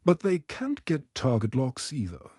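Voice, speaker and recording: A frightened alien prosecutor reports in a frantic rush, as a man reads him. The tone is mellow and dark. The sound is dry and close. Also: mid-range voice, wildly swooping pitch, unhurried, slightly rough, no room sound, full character voice.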